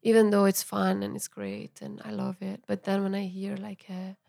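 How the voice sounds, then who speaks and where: A young Italian-speaking woman, appearing as a musician guest in a casual interview chat, talks loosely about her music. Her mid-pitched voice has a light gravelly fry, and she sprinkles in fillers and soft laughs. Her delivery is flat, at a moderate pace.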